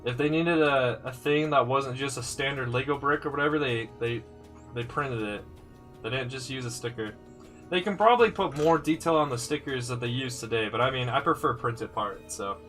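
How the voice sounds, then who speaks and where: A man builds sets on a live stream indoors in his room, talking casually, musing out loud, and answering comments from viewers as faint music plays. His voice is mid-range, fairly bright, and a bit congested, and he speaks at normal speed.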